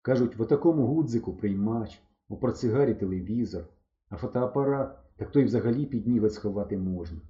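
A shy village boy, as a male storyteller voices him, talking low and quiet in a slow, musing way. His tone is dark and mellow. The recording sounds roomy and slightly dull. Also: animated, lightly acted.

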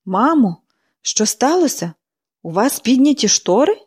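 A woman reader voicing a flustered adult daughter who speaks in a hurried, placating way. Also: on the high side, big pitch swings, a little mellow, slightly rough, pitched above the performer's own voice, heavily acted.

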